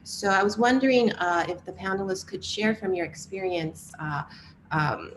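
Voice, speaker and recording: A woman's voice: medium pitch, moderate pace, slight background noise, rough recording. A woman moderating a panel discussion in an informal, polite way.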